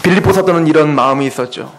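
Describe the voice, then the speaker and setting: A male pastor delivering an impassioned sermon, swinging between loud urgent lines and quiet, earnest ones. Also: on the high side, racing, low-quality recording.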